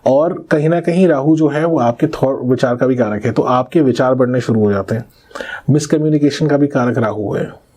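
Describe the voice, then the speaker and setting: Man explaining astrology, mellow husky voice. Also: mid-range voice, normal speed. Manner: didactic, explains with examples and checks "ठीक है?". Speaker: astrologer guest. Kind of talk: explanatory podcast interview.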